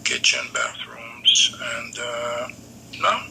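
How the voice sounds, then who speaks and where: A Morocco-born man in his seventies recalls his childhood for his grandson over a video call, unhurried and pausing often on "uh". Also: medium pitch, wildly swooping pitch, vocal fry, noisy background. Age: 70s. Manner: unhurried reminiscing, pauses often on "uh". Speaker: grandfather being interviewed. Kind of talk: remote family interview.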